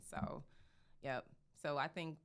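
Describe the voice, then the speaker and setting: In a relaxed interview, a young woman from St. Louis, USA, who works as a makeup artist, talks in a low-sitting voice at a slow pace. She uses plenty of fillers and quotes conversations as she retells them.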